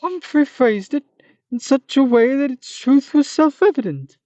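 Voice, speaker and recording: A reader voicing the Manticora, a fierce monster turned solemn and philosophical, in a high, loud, theatrical voice, on a dull, muffled recording. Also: animated, unhurried, no echo. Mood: solemn, grand.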